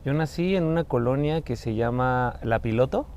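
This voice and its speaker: Young man, mellow voice, measured, light background hiss. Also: mid-range voice. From Mexico City. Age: young adult. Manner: thoughtful, measured, with some restarts. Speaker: podcast guest.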